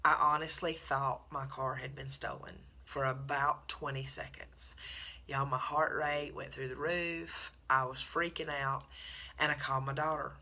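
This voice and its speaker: A middle-aged woman, telling a story in a chatty, animated vlog to her viewers. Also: a bass voice, a little slow. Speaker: vlogger. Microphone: phone camera.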